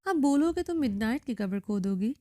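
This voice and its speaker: A woman's voice: fairly high pitch, lively intonation, dark tone, no echo, clean studio sound, natural voice. Woman doing an icy, domineering young man. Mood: cold commanding. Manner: icy, commanding.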